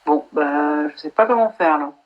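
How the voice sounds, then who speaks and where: A woman's voice: low-pitched, normal speed, highs cut off. Chatty frank woman on a video call. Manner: frank and chatty, swears casually. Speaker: actress hosting a live stream. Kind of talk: casual live-stream chat.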